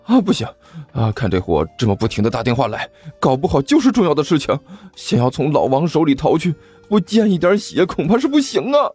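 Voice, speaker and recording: A man's voice: fairly high pitch, big pitch swings, a little fast, darkish tone, husky, faint music behind, pitched above the performer's own voice. A man voicing a chubby, panicky schoolboy who whimpers, groans and stammers dramatically. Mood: fretting.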